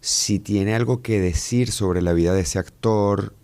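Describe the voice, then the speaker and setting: An actor with a deep, mellow voice talks on a radio show. He speaks in a thoughtful, measured way. His delivery stays relaxed and conversational. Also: clean tone. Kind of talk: casual radio interview.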